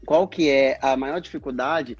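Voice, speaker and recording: A man's voice: medium pitch, a little slow, husky, lo-fi sound, faint music behind. A Brazilian man, a speech therapist, explaining in a livestream interview and acting out past conversations, with a Brazilian Portuguese accent. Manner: earnest, explanatory, acts out past dialogues.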